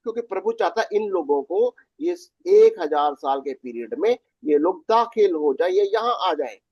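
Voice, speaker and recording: High-pitched guy preaching through bible verses, dull dry lo-fi sound, keeps restarting phrases. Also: sing-song, normal speed, vocal fry, slightly rough, dry recording. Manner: mixes in English words, repeats and restarts phrases. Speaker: pastor teaching a Bible study. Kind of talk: Bible study teaching.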